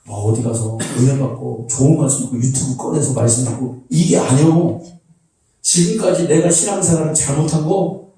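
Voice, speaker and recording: Male pastor, warm lower tone, animated sermon delivery, echoey sanctuary sound. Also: normal speed, recorded from a distance. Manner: animated storytelling, acts out shouted quotes. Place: church sanctuary.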